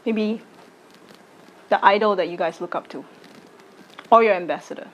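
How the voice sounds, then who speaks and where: A woman, giving a slow, deliberate personal statement to camera. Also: medium pitch, muffled recording. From Singapore. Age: late 20s. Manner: slow, deliberate, measured delivery. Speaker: arts educator and content creator.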